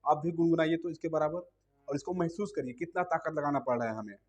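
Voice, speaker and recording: A man's voice: fairly high pitch, fast talker, highs cut off. Patient male music teacher. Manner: patient, explains step by step, asks listeners to hum along. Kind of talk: spoken music lesson.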